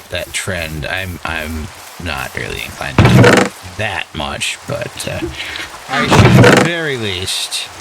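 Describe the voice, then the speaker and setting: A man's voice: fairly low pitch, noisy background. A man with a New England accent, talking to himself in a dry, wry way while playing a game. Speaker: gameplay streamer. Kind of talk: casual gameplay commentary.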